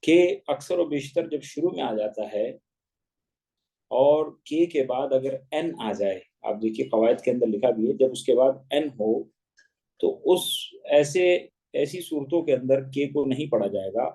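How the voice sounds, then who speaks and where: A man teaching an online English grammar lesson, spelling words letter by letter and deliberately contrasting wrong and right pronunciations over a class call. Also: mid-range voice, expressive, mellow, poor audio.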